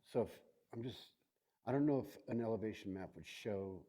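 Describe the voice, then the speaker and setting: Mellow-voiced man chairing a public hearing. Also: lowish voice, moderate pace. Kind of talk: formal public meeting talk. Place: county meeting room. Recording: public meeting room recording.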